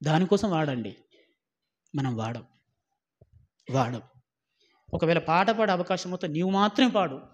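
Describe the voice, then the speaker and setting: High-voiced man preaching emphatically. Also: a little slow, pauses often, lo-fi sound. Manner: emphatic, scolding, with many rhetorical questions to listeners; swings from loud exhortation to low, quiet warnings. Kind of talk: sermon.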